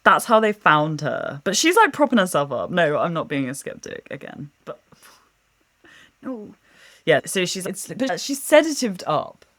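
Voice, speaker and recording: A woman's voice: on the low side, very animated, unhurried, fairly bright tone. A woman co-hosting a podcast, telling a ghost story in casual chat, giggly and rambling, swearing freely. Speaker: podcast co-host.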